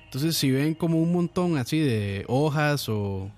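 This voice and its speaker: A man with a Costa Rican accent, a podcast co-host telling a relaxed story in casual chat. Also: a little high, measured pace, faint music behind. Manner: relaxed storyteller, sprinkles "mae".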